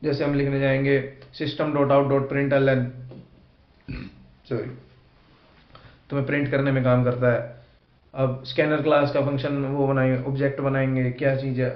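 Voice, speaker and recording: A man teaching a programming lesson in an informal, chatty way, talking straight to his students. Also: medium pitch. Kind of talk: casual Hindi lecture mixing English terms. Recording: echoey room, dull lo-fi sound.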